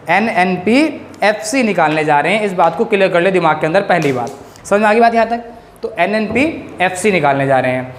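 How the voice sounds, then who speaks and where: Man, economics teacher, quizzing students in quick bursts, roomy echo, faint ambient noise. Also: high-pitched. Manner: drilling students with quick questions. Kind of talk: classroom-style lecture. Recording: echoey room.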